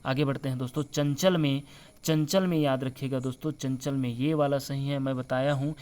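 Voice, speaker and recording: Brief: male teacher, middle pitch, slow letter-by-letter spelling lesson, patient reminders. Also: fairly even intonation, a little mellow. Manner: repeats the word for friends and reminds viewers to remember. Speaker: Hindi teacher. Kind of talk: spelling lesson over slides.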